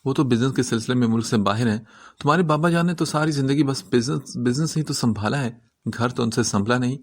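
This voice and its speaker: A man's voice: mid-range voice, a little mellow, lightly acted. A man reading the part of a bitter, protective middle-aged aunt in a novel, in a scolding manner.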